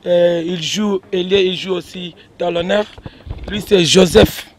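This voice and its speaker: A man's voice: sits high, fairly even intonation, unhurried. A man introducing rugby players one by one in a casual, hesitant way, with many fillers and restarts. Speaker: team spokesman introducing players.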